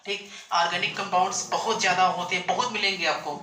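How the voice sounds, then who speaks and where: A man's voice: high-pitched, fairly even intonation, quick pace, sharp tone, a little hiss or hum. A male chemistry teacher lecturing a class, asking questions and answering them himself and repeating each point. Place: classroom with students. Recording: echoey classroom with student chatter.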